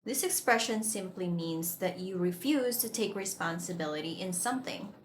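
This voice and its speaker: A woman teaching an English vocabulary lesson, explaining each word deliberately and clearly. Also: fairly low pitch, animated. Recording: echoey room with faint noise.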